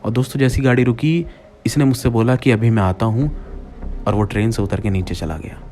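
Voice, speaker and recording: A man's voice: mid-range voice, fairly even intonation, brisk, darkish tone, a little hiss or hum. A man narrating a first-person horror story to his listeners, speaking to them as friends and acting out his own lines.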